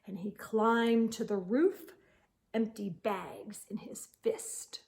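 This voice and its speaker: A storytime host reads a children's picture book aloud in a medium-pitched, creaky voice. Her delivery is expressive and theatrical, stretching out words for emphasis.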